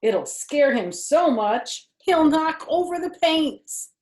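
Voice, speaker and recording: An older woman reads a picture book aloud to children, grandmotherly and chatty, tossing casual asides to her listeners, asking them questions and lingering on phrases. Her voice sits high with animated movement and a darkish tone. The recording has a roomy sound.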